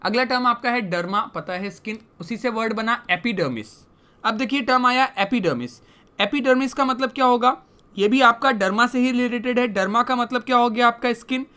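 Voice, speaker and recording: A woman's voice: on the high side, moderate pace, a bit bright. A young woman teaching English vocabulary in a lesson, explaining each word and putting questions back to her students.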